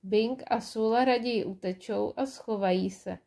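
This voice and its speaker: A woman reading a children's audiobook in a warm, lively storytelling way. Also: a little high, creaky. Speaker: storybook reader.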